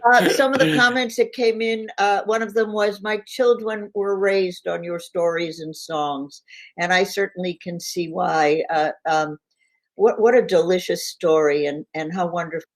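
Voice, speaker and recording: A woman hosting a livestream, speaking haltingly and repeating words as she gathers her thoughts. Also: on the low side, steady tone. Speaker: host.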